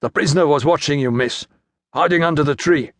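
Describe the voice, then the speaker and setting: A man voicing a gruff, bullying Roman soldier in an audiobook, speaking roughly and threateningly. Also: medium pitch, expressive, brisk, a bit bright, no echo, clean studio sound.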